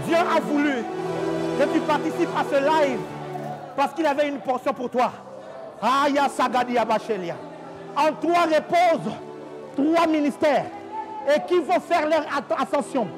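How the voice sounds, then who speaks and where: A man preaching with fervent intensity, his voice pitched very high as he shouts and chants. He repeats short phrases again and again. Loud music plays underneath the whole time. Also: unhurried, rough recording. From DR Congo. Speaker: prophet and preacher. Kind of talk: charismatic prayer sermon.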